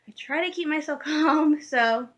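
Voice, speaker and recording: A woman's voice: high voice, measured pace, a bit bright, dull audio. A woman in her late twenties chatting casually to the camera from her room at home, rambling and giggling, with lots of fillers. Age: late 20s. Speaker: vlogger.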